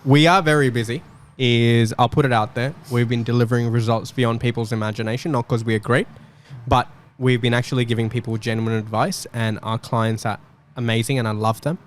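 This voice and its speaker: Aussie guy hosting a live panel chat, mid pitch, talks in quick bursts. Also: steady tone. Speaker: podcast host.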